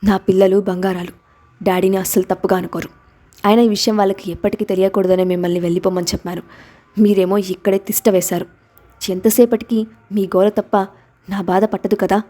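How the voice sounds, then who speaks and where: Woman reading as a defiant young mother in an audio story; sharp, reproachful, mellow tone. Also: mid-range voice, little pitch movement, fairly quick, lightly acted. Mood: indignant.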